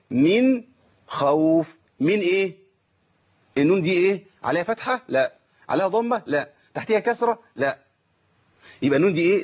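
An Egyptian man teaches a recitation class over an online call, his voice slightly high and his speech quick. He poses questions to the class and answers them himself. The call audio sounds dull and muffled. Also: husky. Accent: Egyptian Arabic. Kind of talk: online lesson.

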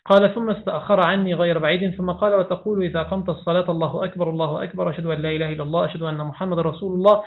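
A man reading hadith texts aloud, reciting chains of narrators quickly with small slips and restarts. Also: high-pitched, steady tone. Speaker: hadith reader. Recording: tinny phone-like sound.

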